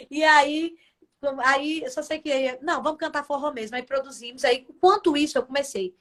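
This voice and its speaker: High-voiced Brazilian woman telling her story. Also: measured pace, pauses often, fairly bright tone. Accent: Brazilian Portuguese. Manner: emotional storytelling, acts out her own past words. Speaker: gospel singer, interview guest. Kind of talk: casual testimony in a radio interview. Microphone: video call.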